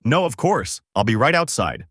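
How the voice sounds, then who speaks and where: A man voicing a bossy, excitable young woman in a fan-made story, talking in a raised, snappy, impatient voice. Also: mid-range voice, normal speed, no room sound, clean studio sound.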